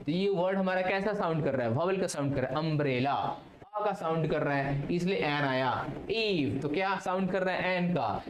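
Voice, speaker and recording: A man's voice: fairly high pitch, moderate pace. A man teaching English grammar in a video lesson. He asks questions and answers them himself, mixing Hindi and English. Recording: roomy echo, faint background hiss.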